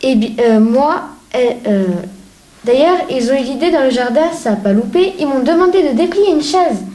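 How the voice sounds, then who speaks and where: A woman's voice: sits high, expressive, moderate pace, warm tone. A woman playing a gossipy griping friend. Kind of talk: comic sketch dialogue. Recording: echoey room with faint noise.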